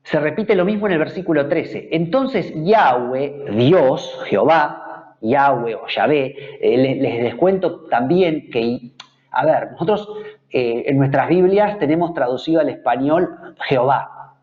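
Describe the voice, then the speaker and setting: A man with a Rioplatense Spanish accent gives a Bible study lecture at a medium pitch. He explains step by step and often repeats a word before going on. The recording is dull and lo-fi. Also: animated, measured pace. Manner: explanatory, repeats words while searching for the next. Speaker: Bible teacher.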